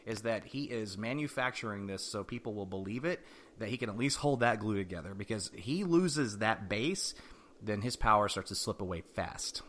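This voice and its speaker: A man's voice: on the low side, expressive, moderate pace, a bit bright, a little hiss or hum. A man co-hosting a casual political podcast. He stammers and repeats words before he gets to his point. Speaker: podcast co-host.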